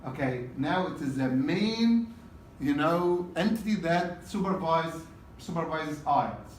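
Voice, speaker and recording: A man's voice: on the high side, expressive, takes it slowly, slight background noise. A man teaching a test-prep class in a casual lecture style, often checking in with "okay?" and repeating key points. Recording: roomy classroom from a distance.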